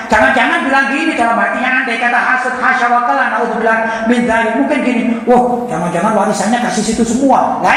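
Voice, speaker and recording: Preacher, woman; lively storytelling lecture, quizzes the crowd, heavy room echo. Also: sits high. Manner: animated, quizzes the audience and acts out quoted dialogue. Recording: echoey hall with long reverb.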